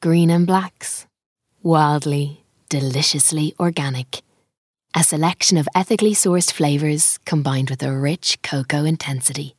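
Female commercial voice-over. Low register, husky texture, scripted delivery, dry studio-style sound. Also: unhurried, a little mellow, no echo. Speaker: advertisement voice-over. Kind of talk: slow scripted advertising narration.

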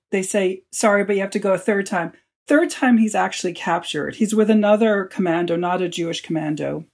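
A man, an author, telling stories as a guest in an interview and acting out the lines he quotes. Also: sits high. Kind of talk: storytelling in a podcast interview.

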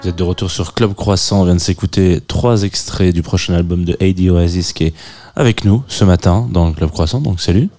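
Animateur radio au débit rapide. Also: male voice, low voice, mellow, soft background music. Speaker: radio host. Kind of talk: radio show presenting.

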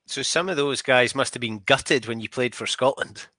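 A man's voice: mid-range voice, normal speed, bright, forceful tone, no echo. A man hosting an interview, putting questions in an informal, matey, conversational way. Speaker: interviewer, host.

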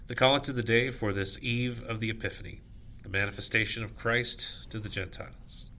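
A man officiating at evening prayer, reciting scripture and liturgy in measured, solemn short phrases. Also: on the low side, steady tone, sharp tone, a little hiss or hum.

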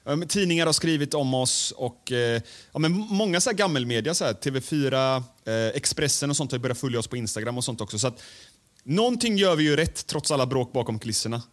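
A man co-hosting a casual podcast chat, frank and swearing, often pausing on fillers. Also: medium pitch, lively intonation. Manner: mimics others in loud raised voices. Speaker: podcast co-host.

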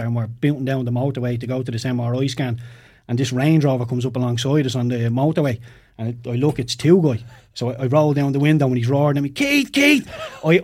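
Male ex-player guest, rapid anecdotal chat, mid pitch. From Ireland. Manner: lively anecdotes, laughs while telling. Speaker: podcast guest, former footballer. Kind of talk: casual storytelling chat.

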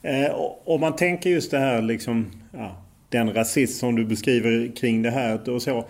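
Male podcast host, calm thoughtful questions, mid pitch. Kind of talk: podcast interview.

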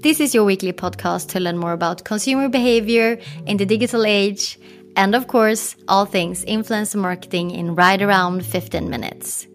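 A woman's voice: medium pitch, moderate pace, faint music behind. Polished woman podcast host. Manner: scripted, polished introductions. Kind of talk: podcast intro and interview.

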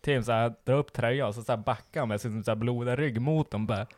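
A young man telling a funny story in casual chat, laughing often and mimicking people in squealing high voices. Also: darkish tone, slight background noise.

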